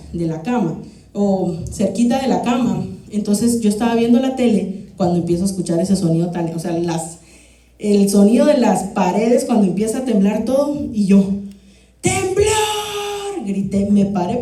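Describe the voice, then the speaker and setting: Storytelling woman preaching in echoey hall. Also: mid-range voice. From Guatemala. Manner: animated, humorous, acts out shouts. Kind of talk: sermon with personal storytelling. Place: church hall. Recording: echoey church hall from far off.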